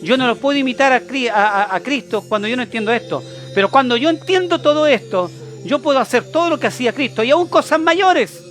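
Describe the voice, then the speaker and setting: A man's voice: very high voice, expressive, a little fast, a bit bright, faint music behind. A man with a Chilean accent preaching a sermon as an apostle, emphatic and repetitive, with many rhetorical questions to his listeners. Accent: Chilean Spanish.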